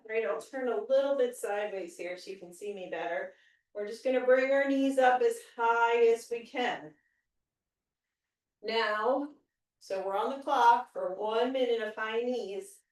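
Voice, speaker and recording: A woman instructing a home workout, giving encouraging cues and countdowns as an exercise instructor. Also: fairly high pitch. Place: indoor room. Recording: very echoey room, distant microphone.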